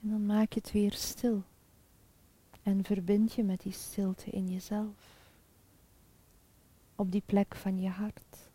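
Soft whispering woman guiding meditation, very slow. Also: medium pitch. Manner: soft, breathy, half-whispered spa-like delivery; slow, calm, soothing, with pauses. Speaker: meditation guide. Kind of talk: guided chakra meditation.

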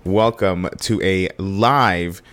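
Male podcast co-host, hoarse and deep, easygoing and filler-heavy. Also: extremely slow, a bit bright, soft background music. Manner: speaking low to spare his voice. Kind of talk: casual chat.

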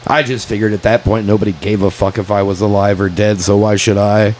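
A man's voice: on the low side, fairly even intonation, brisk, a little mellow, slight background noise, poor audio. A man in his late thirties, co-hosting a casual podcast, swearing a lot and calling everyone dude. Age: 30s. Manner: profane, calls everyone dude, venting frustration. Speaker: podcast co-host. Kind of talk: casual chat.

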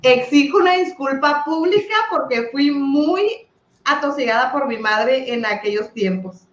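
A woman teacher co-hosting a casual chat, telling lively anecdotes. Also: high voice, unhurried, reverberant, highs cut off. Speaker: teacher, co-host.

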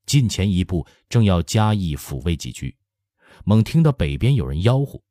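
Deep-voiced man narrating a story. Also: big pitch swings, moderate pace, dark tone, no echo, studio quality. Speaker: audiobook narrator. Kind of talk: scripted narration.

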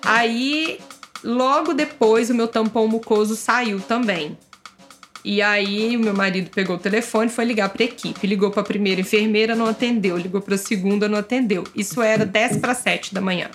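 A young woman tells her own story in a relaxed, conversational way, slipping into the voices of the people she quotes. Her pitch sits in the middle range. Quiet music plays faintly under her voice. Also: moderate pace. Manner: lively, acts out quoted dialogue. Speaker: mother telling her birth story. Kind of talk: casual personal storytelling.

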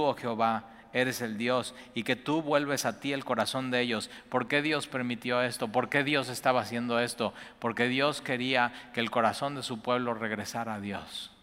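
A man preaching a sermon as pastor, moving between hushed prayerful quotations and loud excited bursts. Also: mid-range voice, moderate pace, few pauses, big-room sound.

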